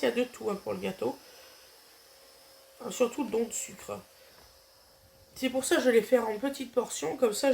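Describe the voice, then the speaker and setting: A woman's voice: on the high side, creaky, slight background noise. Woman with a stuffy cold, chatting. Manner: chatty, hesitant with many fillers. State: nasal, has a cold. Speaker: vlogger showing a grocery haul. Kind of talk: casual chatty haul vlog.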